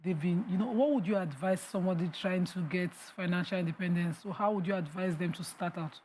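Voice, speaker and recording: A woman's voice: lowish voice, a little fast, darkish tone. A woman with a Nigerian accent chatting casually as a studio co-host. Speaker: talk show co-host. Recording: clear background ambient noise.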